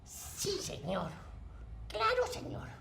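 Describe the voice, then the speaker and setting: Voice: very high voice, huge pitch swings, slow, sharp tone, reverberant, exaggerated voice. A performer voicing a resigned servant who answers his lord deferentially. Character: weary, deferential male servant. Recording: distant mic, clear background noise.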